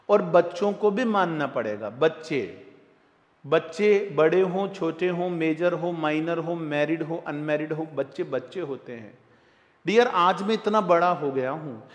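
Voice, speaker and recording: A high-voiced man with an Indian accent teaches at an unhurried pace, repeating points and calling his students dear. His voice carries a long reverb, as if spoken in a hall. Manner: lively and repetitive, addressing students as dear. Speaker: tax lecturer. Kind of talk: classroom lecture.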